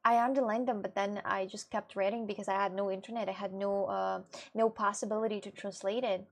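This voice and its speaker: A giggly woman from Russia speaks in a steady, mid-range voice during casual live-stream chat with viewers. Russian is her native language, and her English is hesitant and halting, with lots of fillers.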